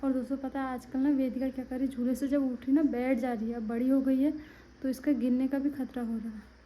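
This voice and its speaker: A woman's voice: high-pitched, little pitch movement, fairly quick, mellow, rough recording. A woman with a Pahadi accent chatting to viewers in a casual home vlog, turning to coo at a baby. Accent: Pahadi Hindi. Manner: talks to viewers, then coos to a baby. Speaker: family vlogger. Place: home, indoors.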